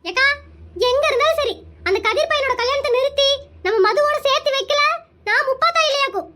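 Shrill, brassy village aunt, voiced by a performer, for a comic cartoon; very high and loud, full of bluster. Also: quick pace. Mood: loud indignant. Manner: loud, scolding, boastful. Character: bossy middle-aged village aunt.

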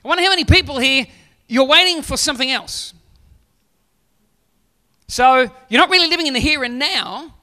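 Speaking at normal speed but pausing often, a pastor in his forties uses a very high-pitched, expressive voice that sounds pushed and bright. He preaches into a handheld mic on a church stage, joking with the crowd and later pressing questions.

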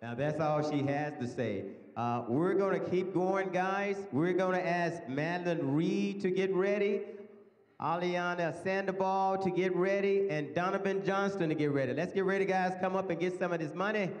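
A man's voice: sits high, moderate pace. A man with a Mississippi accent hosting a live awards event, exhorting people and repeating his phrases. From Mississippi, United States. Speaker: host presenting awards. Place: large banquet hall with stage, indoors. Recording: echoey hall over PA system.

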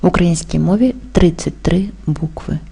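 A woman teaching an exam-prep language lesson, explaining rules slowly and carefully and spelling out example words. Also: lowish voice, gravelly, mellow, husky. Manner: slow, careful dictation-like delivery.

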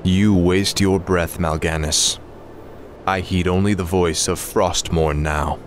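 Low-voiced, grim young warrior prince. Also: male voice, steady tone, takes it slowly, slight background noise. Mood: cold, vengeful. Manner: solemn, resolute, declamatory. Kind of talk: fantasy video game voice acting. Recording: loud game music and battle crashes.

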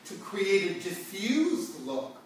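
A middle-aged man's voice sits high, with big pitch swings and an unhurried pace. He's a hair stylist hosting a salon talk show, conversational and educational, emphatically addressing viewers and repeating phrases. A far-off camera mic in the echoey indoor salon seating area captures background hiss.

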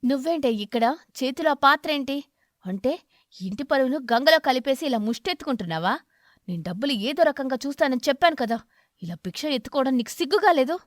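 A woman voicing a hot-tempered male crow who scolds loudly and harshly. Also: on the high side, brisk, no room sound, clean studio sound, close to an everyday voice.

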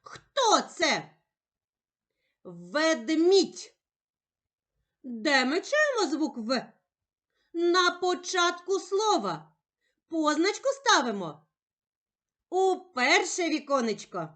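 A woman teacher speaking slowly and carefully in a sing-song voice, giving a reading lesson for young children. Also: high-pitched, very animated, a bit bright. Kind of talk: slow, clearly articulated children's reading lesson.

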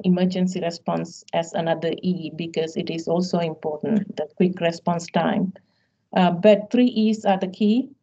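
A middle-aged woman, a professor as featured guest, answering questions in a measured, explanatory way with frequent ums over a video call. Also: fairly low pitch, warm tone. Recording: dull lo-fi video call audio.

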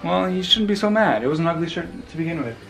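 A man's voice: on the high side, lively intonation, fast, creaky. A young man in casual vlog chat, teasing and offhand.

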